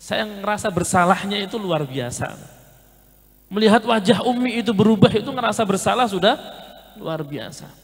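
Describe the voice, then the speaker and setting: A man's voice: sits high, animated, normal speed, big-room sound. A male Islamic preacher, giving a conversational sermon and telling stories while addressing the men listening.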